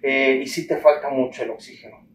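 A man's voice: medium pitch, brisk, a little hiss or hum. A man with a Mexican accent gives a personal account in an interview, acting out the conversations he remembers. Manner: animated storytelling, acts out the dialogue he recalls. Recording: roomy echo, distant mic, faint ambience.

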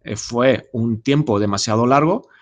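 A man's voice: medium pitch, measured pace, highs cut off. Man, casual presenter, lots of ums and restarts, explains his platform to an audience. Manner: hesitant, many fillers and restarts. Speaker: speaker presenting his startup. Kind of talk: informal presentation talk.

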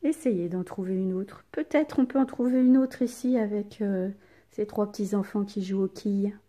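A woman teacher giving a recorded lesson to children, speaking with exaggerated rising and falling intonation and pausing for pupils' answers. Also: mid-range voice, dark tone. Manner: slow, exaggerated intonation to demonstrate punctuation; asks pupils questions and leaves pauses for answers. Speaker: primary school teacher.

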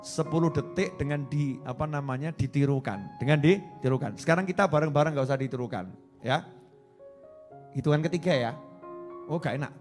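Animated high-voiced male preacher. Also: fairly quick, soft background music. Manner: animated, switches between soft asides and loud emphatic repetition, chants prayers. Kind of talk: sermon.

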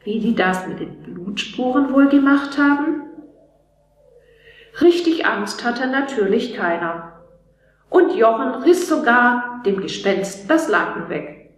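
Woman reading a bedtime story, slow, gentle, fairly high voice, echoey room. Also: lively intonation, recorded from a distance.

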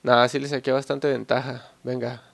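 A young man giving excited, joking gameplay commentary and swearing at his opponents. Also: medium pitch, normal speed, vocal fry, background noise. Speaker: gameplay channel host.

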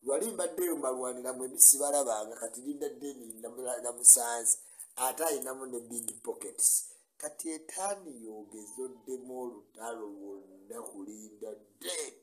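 On a poor-quality live-stream recording with a little hiss or hum, an older man from Uganda vlogs casually from a small room, his webcam or phone set in front of him. His mid-range, darkish voice moves at a moderate pace as he laughs often and greets viewers by name.

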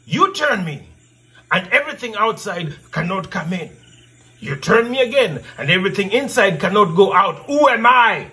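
A man, middle-aged, telling stories and posing riddles in a theatrical way, repeating his questions with drawn-out emphasis. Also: sits high, big pitch swings, pushed and bright. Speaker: storyteller and channel host. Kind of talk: interactive storytelling, posing riddles to children. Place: indoor room with brick wall backdrop.

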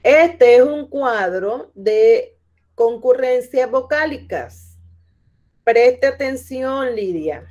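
A woman's voice: sits high, expressive, very slow, darkish tone. A woman teacher giving patient class instructions, repeating each point and speaking to her students by name. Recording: dull lo-fi audio.

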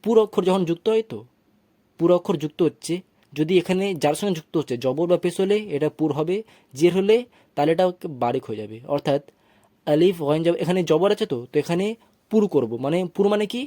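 A man teaching Quran reading, slowly spelling out syllables and chanting short recited phrases in a patient classroom manner. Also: a little high, expressive, warm tone, no echo. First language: Bengali. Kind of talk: tajweed lesson, spelling out and reciting verses.

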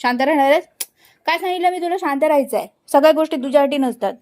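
A woman's voice: high-pitched, fast talker, a little mellow. A woman hosting a pet channel, talking to her dog and cat in a coaxing, scolding pet-talk voice. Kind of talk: talking to her pets on camera.

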